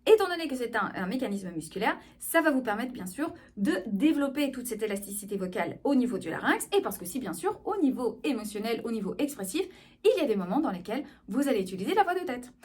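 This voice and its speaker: A woman with a somewhat high voice explains vocal registers in a video lesson. She teaches with a lively, engaged tone and often pauses to check that her listeners follow. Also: husky. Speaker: speech therapist.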